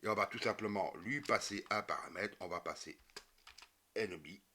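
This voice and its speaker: A man's voice: fairly low pitch, normal speed, bright, forceful tone, a little hiss or hum. A man explaining a coding tutorial step by step, with many fillers and self-corrections. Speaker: programming tutorial teacher. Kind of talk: screen-recorded coding tutorial.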